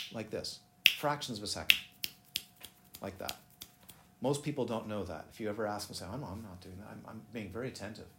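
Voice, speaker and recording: Bright and forceful, with a fairly low pitch, a man's voice carries through a busy room that is echoey and faintly noisy. He is giving a dharma talk, teaching meditation in a loose, rambling style, cutting himself off and posing questions to those listening.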